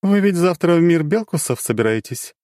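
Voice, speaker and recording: A teasing, powerful dark goddess with a raised, mellow voice that swings widely in pitch, as a male narrator puts her on. She speaks up boldly, dry and close. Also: lively intonation, fairly quick, no room sound, natural voice. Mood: wry. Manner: teasing and giggly, turning grave. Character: playful, sly, powerful dark goddess woman. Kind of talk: audiobook character voice.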